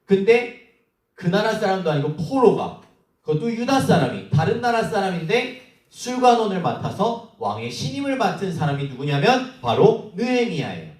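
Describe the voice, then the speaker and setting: Lively man preaching to children in an echoey hall. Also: fairly high pitch, recorded from a distance. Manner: asks the children questions and acts out quoted lines. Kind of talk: children's sermon. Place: church hall. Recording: roomy echo, from the mic.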